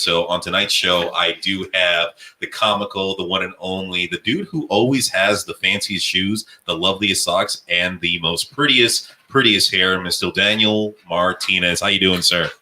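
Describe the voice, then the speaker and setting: A man's voice: deep voice, sharp tone. A man hosting a casual talk show, joking and rambling, often laughing with his guests. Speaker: podcast host. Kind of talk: casual chat. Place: South Florida studio.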